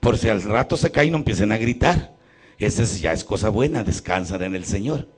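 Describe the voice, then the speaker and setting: A man's voice: on the low side, expressive, brisk, husky. A man with a Mexican Spanish accent, a priest telling a folksy, joking story in a sermon at a church healing retreat.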